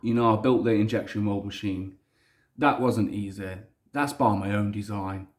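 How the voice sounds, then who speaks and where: A man with a Leicester accent speaks in a fairly low voice, recorded in an echoey room. He rambles casually without a script. His manner is blunt and self-deprecating, with plenty of swearing. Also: fairly even intonation, normal speed. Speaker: maker presenting a DIY project vlog. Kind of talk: casual unscripted monologue. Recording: roomy, echoey indoor sound.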